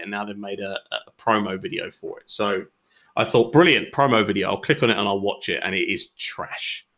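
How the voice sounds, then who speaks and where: Chatty man with a low voice. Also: fairly bright tone. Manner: chatty and opinionated, with frequent ums and uhs. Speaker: podcast host. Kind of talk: casual combat sports podcast commentary.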